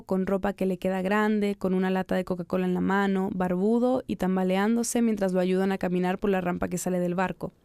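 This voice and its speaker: Female narrator-reporter, dark mellow voice, steady scripted storytelling. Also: medium pitch, gravelly, clear, resonant tone, no room sound, studio quality. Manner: calm, measured storytelling.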